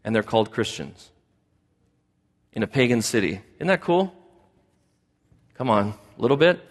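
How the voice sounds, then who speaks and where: A man's voice: mid-range voice, lively intonation, moderate pace. A man preaching a sermon as pastor, talking in a conversational way and often asking the congregation questions. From United States. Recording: long hall reverb.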